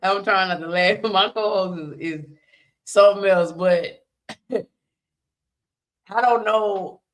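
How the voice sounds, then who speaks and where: A woman's voice: medium pitch, slow. A woman co-hosting a podcast, chatting casually, laughing often and pressing her points with emphatic repetition. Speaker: podcast co-host. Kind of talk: casual chat.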